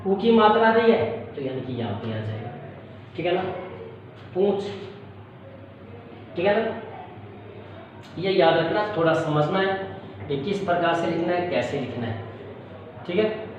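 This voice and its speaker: A man's voice: high-pitched, sing-song, normal speed, pauses often. Patient male tutor in an echoey room. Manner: patient, repetitive, keeps checking understanding. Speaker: shorthand teacher. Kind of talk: classroom-style tutorial. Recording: echoey, distant, dull with faint hiss.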